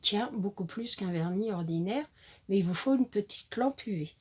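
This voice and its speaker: A woman's voice: medium pitch, animated, moderate pace, darkish tone, breathy edge. A woman chatting casually while showing off a craft-supply haul, hesitant with many fillers and self-corrections. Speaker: crafting vlogger.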